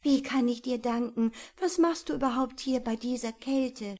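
A woman's voice: a little high, moderate pace, voice pushed up, lightly acted. A woman reading a children's story aloud and voicing a female barn owl who begs for help and later offers it kindly. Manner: pleading, tearful, later gentle and solemn. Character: desperate, then grateful female barn owl.

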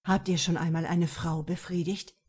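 A woman reading the lines of a domineering, commanding man in a hard, taunting tone, with a slightly lowered voice. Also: flat delivery, normal speed, a little mellow, breathy edge.

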